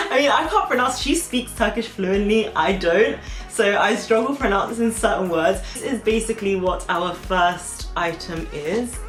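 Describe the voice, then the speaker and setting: A young woman hosting a casual snack-tasting vlog, chatty and giggly, with bursts of quick talk. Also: mid-range voice, fairly bright tone. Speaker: vlog host. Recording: roomy room, faint background music.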